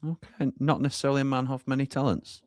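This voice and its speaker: A man's voice: mid-range voice, steady tone, fast talker, a little mellow, no room sound, clean studio sound. A man hosting a live football watchalong, reading out viewer comments and handing over to the lads at the grounds. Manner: reads out viewer comments and hands over to reporters. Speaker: watchalong host.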